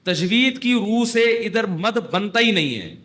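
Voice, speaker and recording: A man delivers a religious talk with a slightly high-pitched voice. He sounds relaxed and anecdotal, moving easily into dry humor and firm scolding. He acts out sung phrases by stretching the words. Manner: chatty and wry, acting out the call to prayer by stretching words. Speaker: Islamic scholar giving a talk. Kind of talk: conversational religious lecture in Urdu.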